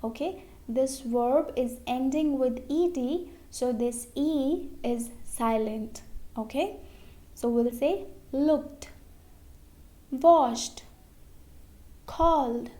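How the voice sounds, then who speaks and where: Woman, high voice, very slow, pronunciation teacher, repeats words, frequent okays. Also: mellow. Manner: slow, repeats words, says okay often. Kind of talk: slow explanatory lesson.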